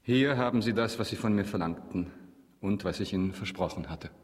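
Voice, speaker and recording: An actor playing a grave, courteous, mysterious count in a German radio drama, speaking formally and with measured solemnity. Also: male voice, on the low side, slightly rough, dry recording. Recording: music behind the voice.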